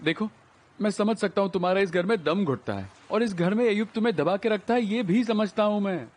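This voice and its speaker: A man's voice: sits high, lively intonation, a little fast. An actor dubbing a lovesick, bookish young man who pleads earnestly with the woman he loves in drama dialogue. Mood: persuading. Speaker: dubbed drama lead.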